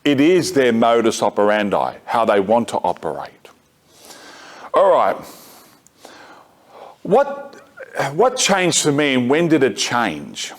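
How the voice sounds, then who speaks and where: A middle-aged man gives a talk to a parish group, moving between points of argument and stories from his own life. His delivery is conversational and unpolished, full of restarts and self-corrections, with dry, wry asides. His voice sits at an ordinary middle pitch for a man. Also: huge pitch swings, slow pace, long pauses. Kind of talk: lecture mixed with personal anecdote. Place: parish gathering room.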